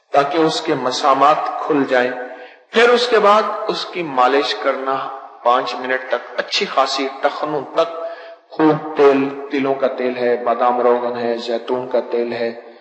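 A man preaching a sermon from the pulpit to a seated audience, lively and joking with his listeners, reciting verse along the way. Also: medium pitch. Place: large hall with a pulpit. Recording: echoey hall reverb.

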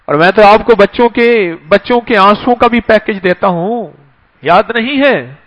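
Man, sermon, emotional, repeats phrases, swooping pitch. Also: lively intonation, a bit bright. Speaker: religious speaker. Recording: dull lo-fi recording.

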